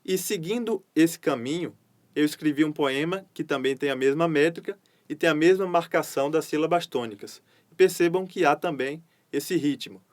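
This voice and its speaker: Male poetry teacher, Brazilian Portuguese accent, slightly high voice, measured lecturing. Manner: measured, explanatory, reads poems louder and rhythmic.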